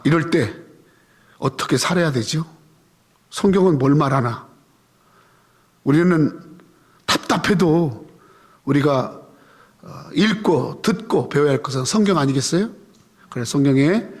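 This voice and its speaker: Husky-voiced man preaching in a reverberant church. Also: a little high. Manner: conversational preaching with rhetorical questions to the congregation; leads the congregation in reading scripture aloud. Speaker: pastor. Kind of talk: sermon. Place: church sanctuary. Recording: long hall reverb.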